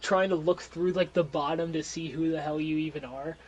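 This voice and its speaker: A man's voice: on the high side, fairly even intonation, moderate pace, highs cut off, slight background noise. A young man narrating as game master in a casual, rambling way with frequent laughter.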